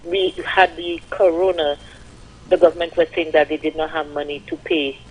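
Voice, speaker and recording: A woman's voice: low voice, normal speed, breathy edge. A woman caller speaking over a landline phone, challenging and confrontational. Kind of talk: call-in radio talk. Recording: muffled landline phone line.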